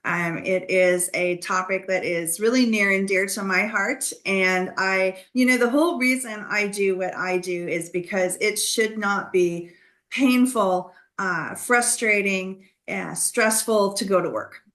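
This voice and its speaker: Casting: woman speaker, mid-pitched, conversational and emphatic, video-call sound. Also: measured pace, fairly bright tone. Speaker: guest speaker. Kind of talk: business talk on a video call.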